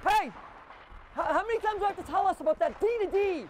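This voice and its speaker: A man's voice: very high voice, quick pace, a little hiss or hum. A man coaching youth hockey from the bench, barking short commands and encouraging his players. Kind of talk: shouting instructions from the bench. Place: ice rink bench.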